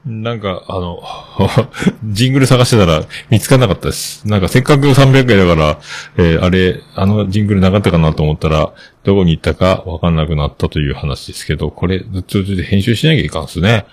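Deep-voiced man rambling on a podcast. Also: fast talker, a little mellow. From Fukuoka, Japan. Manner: rambling and chatty, with many hesitations. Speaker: podcast host. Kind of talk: casual solo podcast talk.

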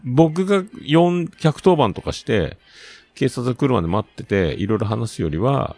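A man talking casually on his own, telling a rambling story with lots of filler words and animated retelling. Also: medium pitch, normal speed, no room sound. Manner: chatty, animated, with many fillers.

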